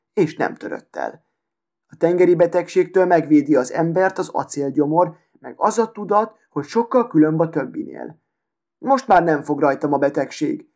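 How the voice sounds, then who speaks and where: Storyteller reading a fairy tale: a man with a fairly high, mellow voice and a calm, measured delivery.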